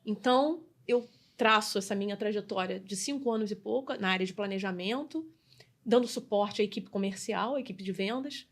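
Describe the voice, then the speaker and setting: A woman's voice: medium pitch, normal speed. Brazilian woman telling her career story. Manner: animated, restarts phrases, frequent tag questions. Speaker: guest, customer experience mentor. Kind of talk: conversational interview storytelling.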